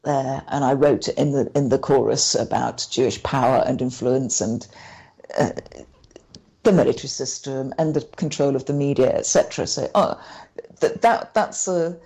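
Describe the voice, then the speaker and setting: A woman talking as a guest in an interview, recounting events in a halting way and often restarting her sentences. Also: a bass voice, mellow, husky. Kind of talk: conversational interview.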